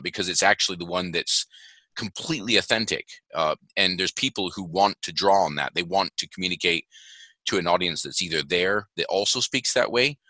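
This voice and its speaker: A man with a low, very forceful and bright voice stresses his points in an interview, doubling back and restarting as he goes. The sound is dry and close, with no room around it. He speaks as a voice agency founder. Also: no room sound. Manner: emphatic, earnest, many restarts. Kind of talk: podcast interview.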